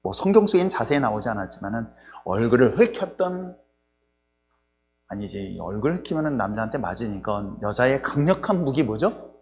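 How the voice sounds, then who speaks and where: Animated male pastor preaching in a reverberant church. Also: mid-range voice, normal speed. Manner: lively storytelling with humorous asides to the congregation. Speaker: senior pastor. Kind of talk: sermon. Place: church sanctuary. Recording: long reverb in a church hall, faint hum.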